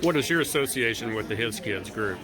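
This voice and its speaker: A man's voice: medium pitch, expressive, a little fast, over loud music. A man interviewing guests at a reunion, with short, plain prompting questions. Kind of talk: casual on-camera interviews. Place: crowded reunion gathering in a large room. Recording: busy crowd chatter behind.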